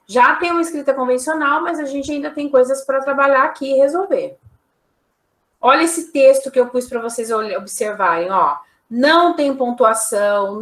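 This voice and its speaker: A woman's voice: high-pitched, a bit bright, reverberant. A woman teacher giving a recorded online lecture, explaining examples one by one with frequent tag questions.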